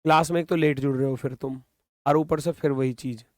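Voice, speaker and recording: A man's voice: mid-range voice, steady tone, a little fast, darkish tone, dry recording. A man teaching a reasoning class online, explaining with lots of repetition and scolding students now and then.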